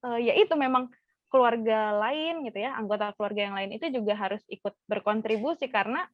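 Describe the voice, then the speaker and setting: Woman, podcast host, raised pitch, dull dry lo-fi sound, chatty. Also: a little fast, no echo. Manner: chatty, many fillers and affirming murmurs. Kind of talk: casual podcast interview.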